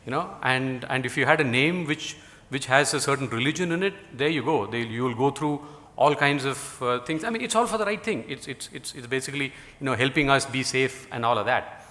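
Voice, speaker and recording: A middle-aged man from India, a native Tamil speaker with an Indian English accent, gives a conference talk as a guest speaker, rambling with lots of "you know" and dry jokes. His mid-range voice is expressive, fairly quick, pushed, and bright, and the recording has hall reverb.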